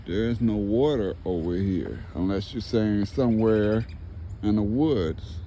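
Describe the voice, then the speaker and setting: A man's voice: lowish voice, a little slow, dark tone, a little hiss or hum. A man speaking casually as a paranormal investigator, putting questions to spirits and commenting to the camera outdoors. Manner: repeats the answers back as questions. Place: outdoors near woods.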